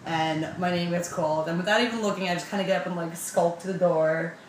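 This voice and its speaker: Young woman, casual storytelling vlog, animated, swearing, self-mocking, roomy echo, faint ambience. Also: fairly low pitch, fast, a little hiss or hum. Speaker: vlogger.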